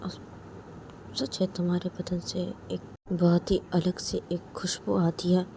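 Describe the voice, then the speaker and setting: A woman performing an intimate romantic role-play monologue, talking softly and coaxingly, often sinking to a whisper. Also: on the low side, monotone, a little slow, vocal fry, slight background noise. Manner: soft, pleading and coaxing, often dropping to a whisper.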